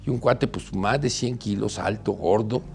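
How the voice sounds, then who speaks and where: A man with a Mexican accent telling a personal story in an animated way, acting out the voices of other people. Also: fairly low pitch, normal speed, gravelly, a little hiss or hum. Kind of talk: personal anecdote monologue.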